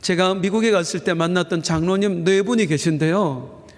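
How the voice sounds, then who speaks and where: Standing at the pulpit for Sunday service, a high-voiced senior pastor preaches with earnest conviction. He stretches out certain phrases for emphasis and rises in pitch on the lines that matter most, while the sanctuary's long reverb echoes after every line.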